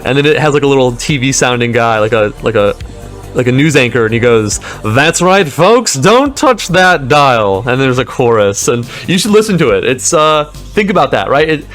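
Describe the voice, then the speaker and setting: A man's voice: medium pitch, fairly quick, soft background music. A young man in a rambling, meandering monologue, often restarting sentences and laughing between points.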